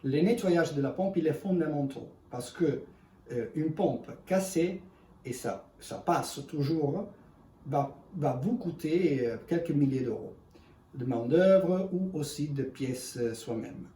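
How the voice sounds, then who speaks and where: A man in gives an unscripted product demonstration in halting, self-correcting, speech. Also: fairly high pitch, lively intonation, mellow. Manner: halting non-native French with self-corrections. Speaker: ice cream machine presenter. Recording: echoey room, distant mic, faint noise.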